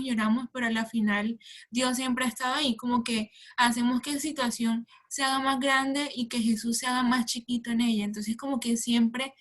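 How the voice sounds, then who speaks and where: A woman shares a gentle, casual reflection with her youth group. Her voice is fairly high and stays flat and even, with little rise or fall. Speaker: youth group member commenting.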